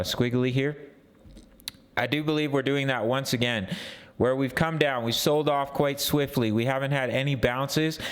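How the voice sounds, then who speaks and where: Man, sore throat, clear resonant voice, mid pitch, casual chart commentary, repetitive emphatic phrasing. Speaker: host of a crypto trading channel.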